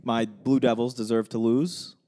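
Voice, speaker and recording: A young man in easy, casual sports talk. His voice sits at a middling pitch and his delivery is loose and chatty. It is full of "um"s and restarts as he trades opinions with a friend. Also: a little slow. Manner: relaxed, chatty, frequent fillers and restarts. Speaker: podcast co-host.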